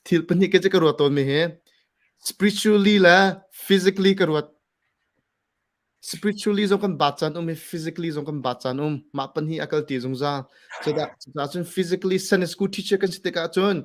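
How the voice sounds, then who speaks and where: Man talking about church ministry, slightly high. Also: measured pace. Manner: relaxed, mixes English words into speech. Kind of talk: casual ministry talk.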